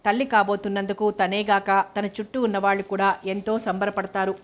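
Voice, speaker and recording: A woman narrates a novel in a steady, measured reading. Her pitch sits in the middle range, and her melody barely moves, so the narration comes across as level and even throughout. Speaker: audiobook narrator.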